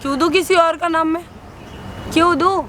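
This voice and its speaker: A woman's voice: very high voice, steady tone, normal speed, fairly bright tone, a little hiss or hum. A woman playing a bossy blackmailing mistress. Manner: bossy, taunting, switches to coaxing. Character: scheming pregnant woman blackmailing her employee into marriage. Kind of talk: scripted short drama.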